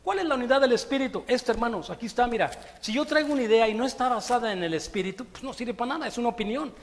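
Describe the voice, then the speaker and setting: A man preaching a sermon, talking to his congregation in a conversational, animated way and asking them rhetorical questions. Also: extremely high pitch, very fast, in a large hall, a little hiss or hum. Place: church hall.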